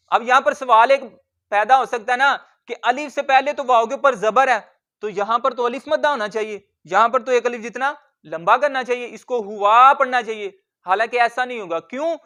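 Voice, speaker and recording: Man with a really high clear voice going through a tajweed lesson word by word, spelling out letters slow and patient. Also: pushed and bright. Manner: patient explaining, spelling out letters and sounding words slowly. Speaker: Quran reading teacher.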